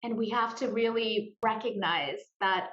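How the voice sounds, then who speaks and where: A woman speaking earnestly and emotionally as a guest in an interview, with pauses and repeated words. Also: mid-range voice, fairly bright tone. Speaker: guest, grief support group founder. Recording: roomy, dull lo-fi sound.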